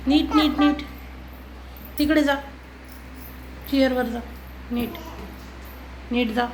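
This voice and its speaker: High-voiced, unhurried coaxing woman. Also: steady tone, a little hiss or hum, low-quality recording. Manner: patient, repetitive, gently coaxing. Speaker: parent filming a toddler. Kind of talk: coaxing a small child on camera. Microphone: phone camera.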